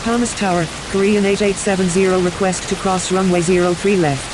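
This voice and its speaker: Loud radio hiss surrounds a woman playing an airline pilot in a flight simulator game. She gives businesslike, clipped read-backs over the radio in a mid-range voice. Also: mid-range voice, steady tone, fairly quick. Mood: businesslike, procedural. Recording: loud hissing radio static.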